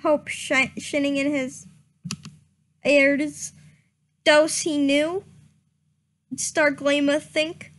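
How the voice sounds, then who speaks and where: A young woman streamer with a high-pitched, fairly bright voice reads slowly in a giggly, mock-dramatic style. She stumbles over words as she goes.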